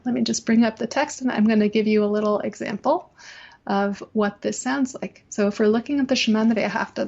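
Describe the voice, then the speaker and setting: Woman cantor explaining stuff clearly, mid-pitched voice, kinda dull lo-fi sound. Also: darkish tone. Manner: clear, teacherly, demonstrates chant by singing. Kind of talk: explanatory interview talk. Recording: slightly dull lo-fi audio.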